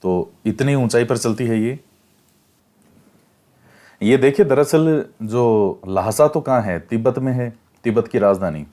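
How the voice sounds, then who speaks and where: A man's voice: mid-range voice, a little slow, warm tone. A male teacher giving a classroom lecture, reading from a textbook and explaining it step by step, repeating key facts.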